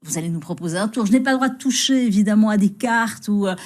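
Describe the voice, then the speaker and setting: A woman hosting a conversational studio interview, speaking haltingly and often repeating words and phrases. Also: medium pitch, a little mellow. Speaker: TV interviewer, host.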